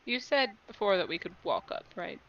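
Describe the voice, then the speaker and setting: A woman's voice: mid-range voice, sing-song, fairly quick, a bit bright, dry recording. Woman gamer on dull, muffled audio. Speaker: tabletop game player. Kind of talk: casual game chat.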